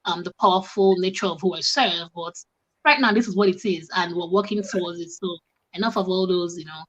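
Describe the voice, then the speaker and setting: A woman's voice: fairly low pitch, a little fast, muffled recording, a little hiss or hum. A young woman from Africa, a coach, telling stories animatedly in casual conversation and acting out both sides of the exchanges. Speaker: guest coach.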